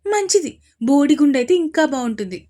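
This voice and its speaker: A woman voicing a lively young sister-in-law who fusses, consoles and teases in a quick, bright way. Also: on the high side. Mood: anxious, teasing. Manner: bubbly, fussing, teasing.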